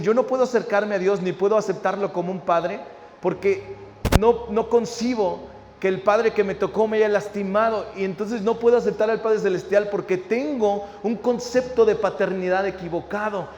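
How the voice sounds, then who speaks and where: A man's voice: sits high, fairly even intonation, moderate pace, a little mellow, dull audio, a little hiss or hum. A male pastor preaching a sermon, building in intensity and often asking his listeners "¿verdad?". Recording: reverberant hall with faint ambience.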